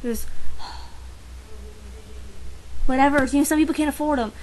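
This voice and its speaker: A woman's voice: high-pitched, steady tone, moderate pace, a little mellow, a little hiss or hum, poor audio. A teenage girl talking casually to her camera, rambling and sarcastic, often stopping herself mid-sentence. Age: teens. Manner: sarcastic, rambling, self-interrupting. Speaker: vlogger. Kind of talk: casual ranting vlog.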